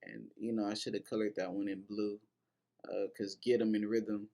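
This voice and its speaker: Relaxed man casually explaining rap lyrics. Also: fairly low pitch, normal speed. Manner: loose and informal, many fillers and restarts, casual swearing. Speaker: host breaking down rap lyrics.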